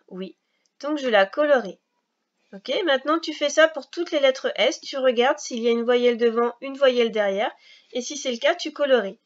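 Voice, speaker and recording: A woman teaching a recorded reading lesson for young children, explaining slowly, patiently and step by step. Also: fairly high pitch, dull audio.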